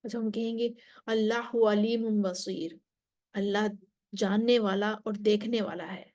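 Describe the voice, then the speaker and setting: A woman teaching a Quran recitation lesson, explaining slowly and carefully, with Arabic recitation between points and some soft whispered remarks. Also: medium pitch, fairly even intonation, dull audio. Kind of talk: religious lesson.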